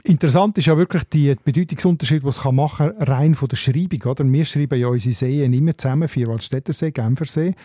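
A Swiss German man in a relaxed studio conversation, explaining grammar with calm patience. His voice is mellow and warm, and the recording is dry and close. He habitually tags his points with a questioning "oder?". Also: mid-range voice, fast, few pauses, dry recording. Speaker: linguist co-host. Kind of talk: casual radio chat.

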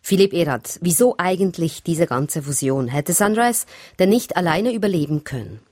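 A woman presenting the radio news, reading in a measured, formal way. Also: lowish voice, lively intonation, a little mellow, no room sound, clean studio sound.

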